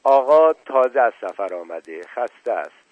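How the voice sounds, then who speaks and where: Man reading as a worried wife trying to calm everyone, tinny dry audio. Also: mid-range voice, dry recording. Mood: pleading. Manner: soothing, pleading. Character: anxious pleading wife. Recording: tinny, dry, phone-like sound.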